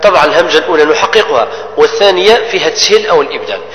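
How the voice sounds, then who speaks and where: A man teaches Quran recitation rules, explaining each rule and then chanting the verse slowly as an example. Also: fairly high pitch, big pitch swings, a bit bright. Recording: echoey hall with long reverb.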